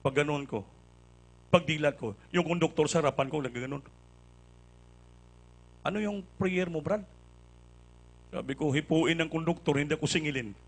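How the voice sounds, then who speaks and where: A man's voice: on the high side, normal speed, pauses often. A male preacher giving a sermon and personal testimony, telling stories animatedly, acting out dialogue and mixing in English phrases. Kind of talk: Filipino church sermon with testimony.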